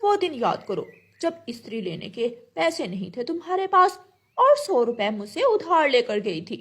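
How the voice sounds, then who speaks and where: Brief: a haughty, scheming female crow for a kids' cartoon, by a woman, high and breathy. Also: very animated, normal speed, exaggerated voice. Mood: scornful. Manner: haughty, scornful.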